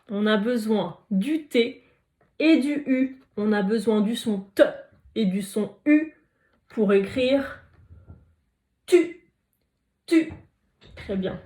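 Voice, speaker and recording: A woman teacher leads a phonics lesson for young children, stretching out each letter and syllable so they can be heard clearly. Her voice sits a little high, and she speaks slowly, pausing to praise and encourage the listeners. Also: dark tone. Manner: slow, careful, drawn-out sounding of letters and syllables.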